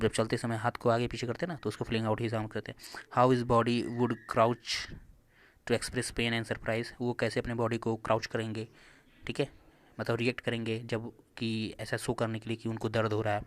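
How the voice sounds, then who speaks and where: A teacher reads short English passages at a slow, careful pace and then switches to fast, loose explanation. He restarts phrases often and checks in with his class as he goes. His voice sits at an ordinary middle pitch for a man. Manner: reads English lines slowly, then explains quickly in Hindi. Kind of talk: reading an English lesson aloud and explaining it in Hindi.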